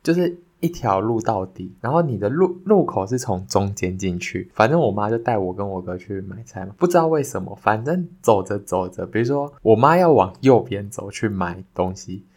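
A young man hosting a podcast, telling a childhood story in a casual, animated way that turns sincere when he gives thanks. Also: normal speed, hardly any pauses. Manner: animated, jumps higher when retelling the scary parts. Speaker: podcast host.

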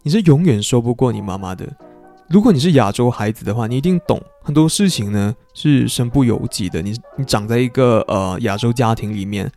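A man's voice: mid-range voice, animated, a little fast, warm tone, soft background music. A young man hosting a podcast in a chatty, self-mocking storytelling style. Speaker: podcast host. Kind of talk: casual storytelling monologue.

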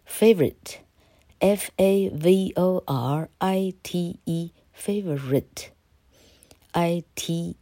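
A woman gives a casual English lesson, chatty and wandering off topic, tagging phrases with "ha" and spelling words out slowly. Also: sits low, mellow, dry recording, clean studio sound. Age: 60s. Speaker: English teacher.

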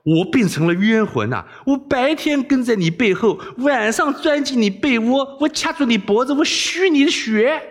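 A man voicing a cheeky, cowardly young male rogue who yells, pleads and blusters, high above his own voice. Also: lively intonation, moderate pace, hardly any pauses, in a large hall. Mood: blustering.

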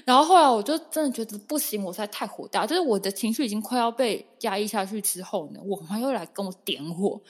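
A woman in her thirties tells a story in relaxed conversation, emphatic and lively, slipping into the voices of the people she quotes. Her voice sits mid-range, and the room behind her rings with a long reverb. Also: mid-range voice, fast talker, few pauses, husky. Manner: animated, emphatic, acts out quotes. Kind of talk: casual chat, storytelling.

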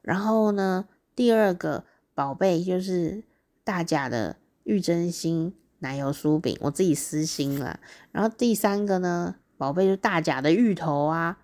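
A woman with a Taiwanese Mandarin accent telling a casual diary story, chatty and excitable, laughing often. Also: lowish voice, unhurried. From Taichung, Taiwan. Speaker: diary podcast host.

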